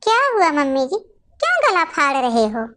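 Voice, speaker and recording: A woman's voice: high-pitched, very animated, moderate pace, a bit bright. A woman voicing a quarrelsome, stingy young daughter-in-law in a cartoon family story, sarcastic and scolding.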